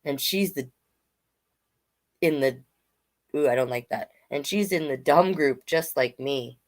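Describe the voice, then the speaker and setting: Speaking a little slowly in an extremely low-pitched voice, a woman hosts a storytime for children. Between passages she chats with listeners, asking them questions and adding asides.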